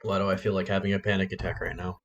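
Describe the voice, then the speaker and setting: A man's voice: deep voice, little pitch movement, very fast, muffled recording, slight background noise. A man playing in a tabletop game, chatting casually and thinking aloud with some hesitation. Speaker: player.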